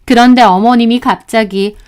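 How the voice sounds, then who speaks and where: A woman telling a story in the first person, indignant and emphatic throughout. Her voice sits a bit higher than most women's. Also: steady tone, moderate pace, darkish tone, smooth. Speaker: narrator.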